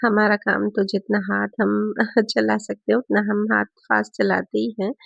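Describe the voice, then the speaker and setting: Hoarse, gravelly woman vlogger. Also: mid-range voice, flat delivery, moderate pace, dry recording, lo-fi sound. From Rajasthan, India. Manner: chatty, explains each cooking step. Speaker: home cooking vlogger. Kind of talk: casual voice-over narration.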